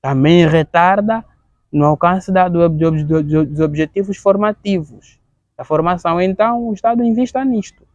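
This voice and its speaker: A man in his thirties with an Angolan Portuguese accent. He gives an earnest interview testimony, gravelly and halting, often repeating words as he searches for the next one. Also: sits high, darkish tone, no echo, muffled recording. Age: 30s. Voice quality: gravelly, halting with frequent word repetitions.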